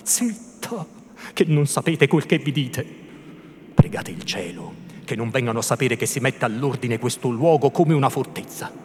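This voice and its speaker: Timid, anxious old priest, put on by a male reader; fussy, hushed scolding, faint noise of a large hall. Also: medium pitch, moderate pace, close to an everyday voice. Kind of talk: theatrical literary reading.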